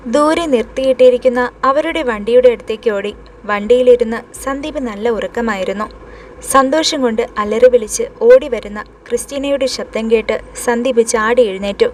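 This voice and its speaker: A woman storyteller narrating a horror tale at an even read-aloud pace. Her voice sits somewhat high. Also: moderate pace, slight background noise, poor audio.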